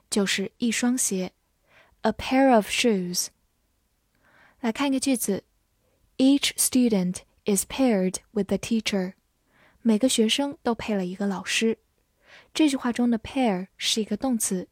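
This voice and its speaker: A woman giving a scripted vocabulary lesson, spelling out letters and repeating each word slowly. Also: fairly high pitch, darkish tone, dry recording, clean studio sound. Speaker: English teacher.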